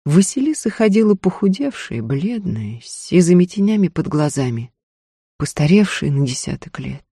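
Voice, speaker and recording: An audiobook reader narrating a literary novel in a steady, measured way. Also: medium pitch, husky, no echo, clean studio sound.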